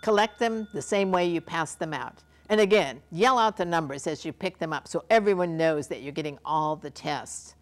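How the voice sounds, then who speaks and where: A woman's voice: sits low, normal speed, few pauses, natural voice. A woman playing a confident quiz contestant who explains her answers in a matter-of-fact way.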